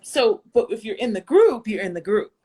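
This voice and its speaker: An American woman chatting casually, telling a lively story full of fillers and asides. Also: a little high, normal speed, husky. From United States. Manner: animated storyteller, lots of fillers. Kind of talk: casual chat.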